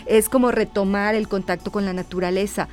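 A woman's voice: mid-range voice, fairly even intonation, brisk, darkish tone. A woman, hosting an interview and asking questions attentively, with many short affirmations. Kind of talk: conversational interview.

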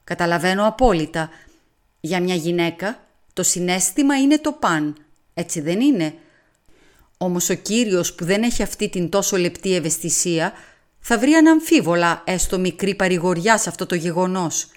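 A woman's voice: lowish voice, animated, lightly acted. Woman playing a courteous foreign detective. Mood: soothing. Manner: courteous, soothing, French phrases. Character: fussy polite foreign male detective, middle-aged.

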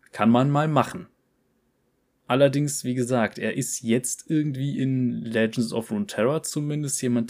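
Gravelly-voiced man reading lore. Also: medium pitch. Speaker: lore reader and commentator. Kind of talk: storybook reading with casual commentary.

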